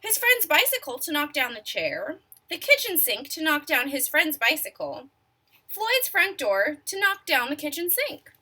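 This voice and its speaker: With a high voice and a measured pace, a woman shares a picture book with children, reading expressively. Every so often she stops to quiz her young audience, and at times she drops to a hush to build suspense.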